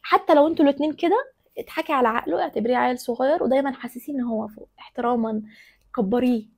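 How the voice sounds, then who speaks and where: Fast, gravelly Egyptian woman giving advice. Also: high-pitched. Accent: Egyptian Arabic. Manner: direct and emphatic, repeating key phrases. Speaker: relationship advice vlogger. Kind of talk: advice talk to women viewers.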